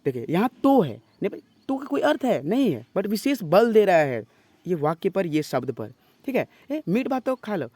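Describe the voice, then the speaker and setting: A man's voice: high-pitched, big pitch swings, a little mellow, dry recording. A male teacher giving an exam-prep lesson, explaining step by step, repeating phrases and often checking in with his students. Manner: reads example sentences slowly and emphatically.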